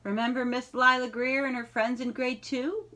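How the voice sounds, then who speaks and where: A library read-aloud host with a high voice reads a children's storybook and chats with young listeners. She is expressive and encouraging, stretching out key words and using dramatic pauses.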